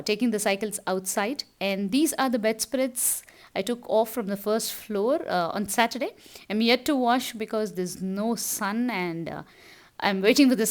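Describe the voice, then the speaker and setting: Tamil-accented Indian woman narrating a home vlog. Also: medium pitch. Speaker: homemaker vlogger. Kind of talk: casual vlog voice-over narrating household routine.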